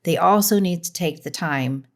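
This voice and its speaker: Lady guest on a podcast, lowish voice, earnest, agrees with everything. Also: moderate pace. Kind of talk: casual conversation.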